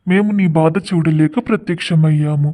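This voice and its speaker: A woman voicing a kind goddess in an animated story, speaking in a calm, soothing way. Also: low voice, normal speed, close to an everyday voice. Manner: calm soothing reassuring speech. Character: kind compassionate goddess appearing to help.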